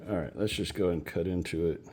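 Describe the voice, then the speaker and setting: A man's voice: deep voice, a little mellow, a little hiss or hum. A man hosting a casual backyard gardening vlog, chatty and practical, talking straight to his viewers. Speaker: home gardening channel host. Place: outdoors in a backyard garden, then indoors.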